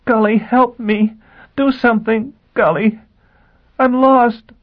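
A man's voice: fairly even intonation, fairly quick, husky, dull audio. Desperate young woman, as a male narrator puts her on. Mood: despairing. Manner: high, strained and pleading.

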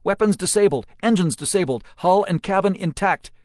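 A man voicing a female gunner with a sharp, clear voice and clipped battle reports. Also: sits high, quick pace, no room sound, clean studio sound, voice pushed up. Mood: gleeful. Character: fierce female gunner with hard voice.

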